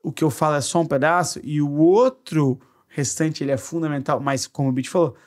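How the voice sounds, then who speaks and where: A man's voice: a little high, fairly even intonation, fairly quick, a little mellow. A man co-hosting a podcast, explaining in casual chat and acting out playful examples. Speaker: podcast co-host.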